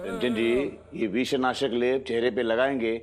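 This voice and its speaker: A man's voice: mid-range voice, fairly even intonation, normal speed, noisy background, close to an everyday voice. An actor playing a fussy, self-assured middle-aged father in a TV sitcom, explaining and giving orders. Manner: instructive, bossy, giving orders. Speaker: father of the bride. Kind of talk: TV sitcom acting. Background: background music.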